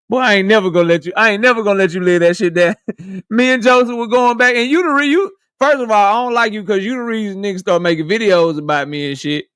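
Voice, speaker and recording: A man in his thirties chats casually with his live stream viewers, ribbing them and breaking into laughs. His voice sits high and comes through smooth. The recording is close and dry. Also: quick pace, a bit bright, dry recording. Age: 30s. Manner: joking, roasting chat members, laughs often.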